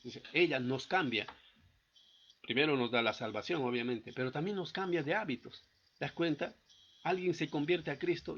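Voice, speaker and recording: Guy preaching, gravelly raspy voice, keeps asking the church if they get it, muffled lo-fi recording. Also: mid-range voice, fairly bright tone. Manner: asks the congregation frequent rhetorical check-in questions. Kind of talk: sermon.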